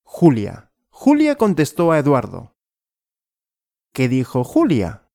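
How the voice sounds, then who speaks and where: Slow, animated male language teacher. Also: mid-range voice, no echo, studio quality. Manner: slow, clear and repetitive, asking and answering his own questions. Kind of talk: question-and-answer story lesson.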